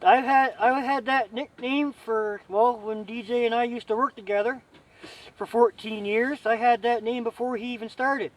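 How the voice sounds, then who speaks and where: Male outdoor vlog host, notably high voice for a man, loose folksy banter with a camping buddy, joking and meandering. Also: fairly even intonation, normal speed, recorded from a distance, rough recording. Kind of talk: casual chat to camera with a friend.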